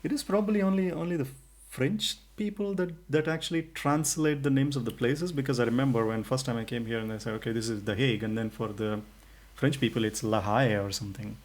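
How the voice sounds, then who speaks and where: A man's voice: mid-range voice, fairly even intonation, fast talker. Guy chatting on a podcast, medium voice, lots of um and restarts. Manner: chatty, many restarts and fillers. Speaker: podcast co-host. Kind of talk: casual podcast chat.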